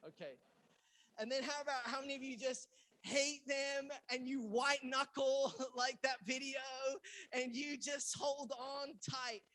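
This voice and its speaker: A male pastor from England preaching a sermon, telling a personal story and acting out the dialogue with sudden loud bursts. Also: very high-pitched, measured pace. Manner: animated storyteller who acts out quoted lines with loud outbursts. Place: church in Los Angeles.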